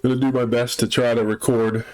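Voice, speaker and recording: A gaming channel host with a chest cold runs a let's play, methodically walking through his base repairs step by step. His mid-range voice is quick and darkish with little pitch movement, captured in a low-quality recording.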